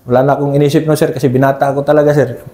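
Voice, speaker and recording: A mellow-voiced man recounts combat memories in a respectful, unhurried way. He tacks "sir" onto almost every phrase. The sound carries a roomy echo. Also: on the high side, flat delivery. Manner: deferential, ends nearly every phrase with "sir". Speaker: army scout ranger team leader. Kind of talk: conversational war story interview.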